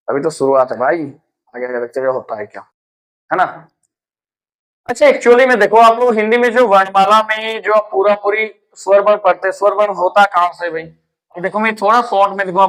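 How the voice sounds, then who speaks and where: Male teacher, high voice, chatty lecture style with repeated questions to students. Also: a bit bright, rough recording. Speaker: English teacher. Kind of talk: classroom lecture.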